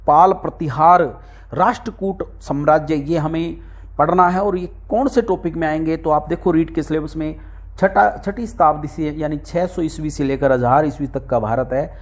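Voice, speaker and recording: A middle-aged male teacher walks students through a textbook index chapter by chapter, calling them his dear children and repeating each point for emphasis. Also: fairly high pitch. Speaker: exam-prep teacher.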